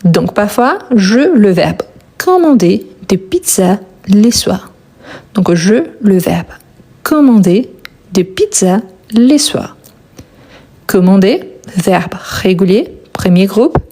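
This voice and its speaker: A woman teaching French grammar, repeating each step with slow, careful dictation and brief encouragement. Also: medium pitch, lively intonation, dark tone, slightly rough. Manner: slow, deliberate dictation with repetitions. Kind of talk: grammar lesson, spelled out slowly.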